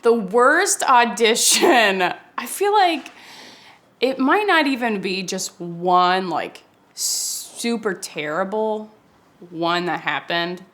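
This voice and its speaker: A woman, an actor, talking casually and reflectively in an interview, halting as she searches for words in fragments. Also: medium pitch, animated, a bit bright.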